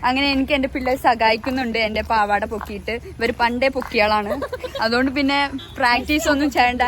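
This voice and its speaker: A woman's voice: fairly high pitch, fast. A young woman with a Kerala Malayalam accent chats casually to viewers as a vlogger, mixing English words and phrases into her Malayalam. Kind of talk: casual vlog chat to viewers. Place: outdoors, walking along streets. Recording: noisy outdoor street with traffic.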